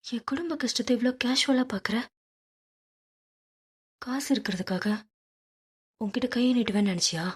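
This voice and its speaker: A woman's voice: fairly high pitch, normal speed, pauses often, slightly rough, voice pushed up. A woman voicing a proud, indignant young woman. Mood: indignant, hurt. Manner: indignant, sharp, wounded. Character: proud young woman, fiercely self-respecting. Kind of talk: audiobook character reading.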